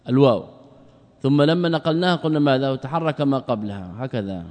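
Male scholar, mid-pitched, teaching with self-answered questions and drawn-out words; long hall reverb. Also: darkish tone. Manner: poses rhetorical questions and answers them himself; drawls words slowly for emphasis. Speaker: religious scholar teaching a class. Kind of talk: explanatory lecture.

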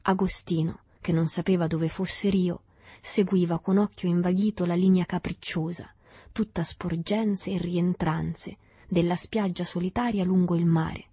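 A woman narrates a literary novel in a calm, measured way, her voice husky and set a little low. The sound is close and dry, with faint music under it. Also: no room sound. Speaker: audiobook reader.

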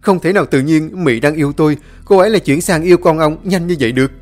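A male narrator voices a jilted young man demanding answers. The voice climbs higher and quicker, desperate and bitter, over faint background music. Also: a little mellow, close to an everyday voice. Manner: pleading, raised and hurried.

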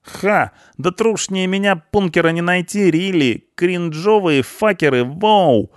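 A man's voice: slow pace, dry recording, studio quality. A man voicing a brash, slangy young male punk in an audiobook. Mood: indignant. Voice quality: high, squeaky, slangy drawl. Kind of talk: audiobook character voice.

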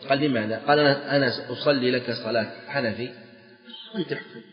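A man's voice: mid-range voice, quick pace. A man teaching Islamic jurisprudence in a lecture, repeating key phrases for emphasis with sing-song stresses. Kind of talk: classroom lecture explaining a text. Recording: echoey hall, dull lo-fi sound.

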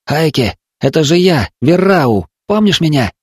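A man's voice: fairly high pitch, sing-song, unhurried, a little mellow, breathy edge, no room sound, studio quality, pitched above the performer's own voice, heavily acted. A man voicing a terrified captive boy who begs for help in a frantic, pleading whisper. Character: terrified captive boy being fattened to be eaten.

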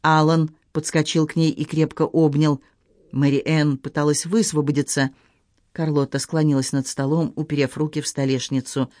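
Man narrating a dark audiobook. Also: on the high side, level tone, normal speed, no room sound. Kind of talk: scripted narration.

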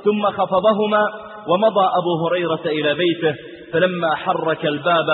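High-voiced male preacher, tinny echoing hall. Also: fairly even intonation, fairly quick. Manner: dramatic storytelling, raises voice for cries, chants verses. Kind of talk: sermon storytelling. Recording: tinny phone-like sound with hall reverb and faint noise.

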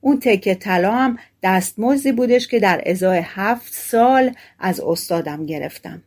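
A woman's voice: medium pitch, darkish tone, natural voice. A woman reading the part of a gullible, cheerful young peasant man in a storybook tale. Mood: eager. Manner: gullible, delighted exclamations.

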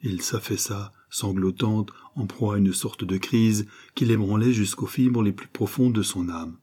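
A man narrating a nineteenth-century novel aloud in a dramatic, measured reading. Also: on the low side, warm tone, slightly rough. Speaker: audiobook narrator. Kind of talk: literary narration.

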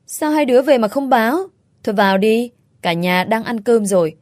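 A shrill, scolding mother-in-law, voiced by a woman storyteller, sly and scheming behind an innocent act. Her voice jumps up high and sharp. It is an audio story read in a dry room. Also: animated, normal speed, no room sound, close to an everyday voice. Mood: feigned surprise.

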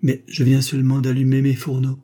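A man's voice: mid-range voice, completely flat delivery, a little fast, dark tone, breathy edge, pitched above the performer's own voice, natural voice. A man voicing a flustered old woman cook who answers back with indignation. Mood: indignant. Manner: indignant, grumbling.

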